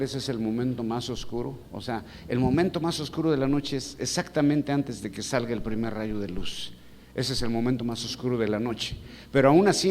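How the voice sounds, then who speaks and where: A male pastor, preaching in a chatty, conversational way and throwing rhetorical questions at the congregation. His mid-pitched voice rings through a church hall with a long reverb, over a faint steady hum. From Mexico. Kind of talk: conversational sermon.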